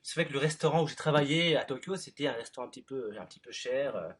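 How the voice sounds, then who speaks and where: A man from France in his thirties, interviewing a guest in relaxed chat with lots of fillers. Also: mid-range voice, fast, slight background noise. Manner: relaxed, many fillers and short backchannels.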